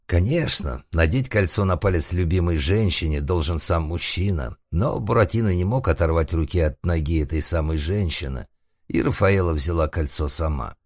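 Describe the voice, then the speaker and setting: A man reading a humorous story aloud as narrator, wry and deadpan, with asides to the listener. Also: deep voice, normal speed, no room sound, studio quality. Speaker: audiobook narrator.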